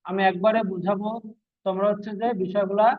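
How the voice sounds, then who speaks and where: Guy teaching grammar, kinda high voice, keeps asking "ok?", sounds like over a phone. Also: flat delivery, fast, phone-quality sound. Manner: repetitive, checks understanding with frequent questions. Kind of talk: exam-prep grammar lesson.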